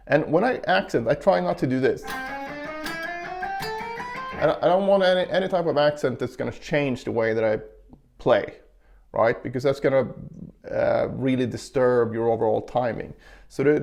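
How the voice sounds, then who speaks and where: A man's voice: mid-range voice, gravelly, darkish tone. A man teaching a guitar lesson, explaining step by step and counting beats aloud as he plays. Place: indoor room with carpet. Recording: guitar heard faintly behind the voice. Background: guitar playing.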